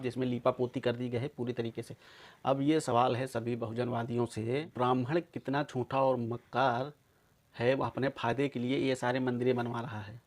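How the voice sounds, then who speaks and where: Guy giving a heated angry rant to his viewers, hammering every point. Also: mid-range voice. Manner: forceful, accusing, emphatic. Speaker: video commentator. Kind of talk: polemical monologue to viewers.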